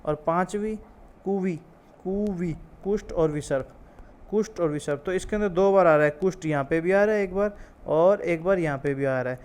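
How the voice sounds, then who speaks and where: Male tutor, slightly high and clear voice, steady drilling lecture style. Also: normal speed. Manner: repeats key terms and drills mnemonics, asks and answers himself. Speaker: ayurveda exam tutor. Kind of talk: classroom-style lecture with memory tricks.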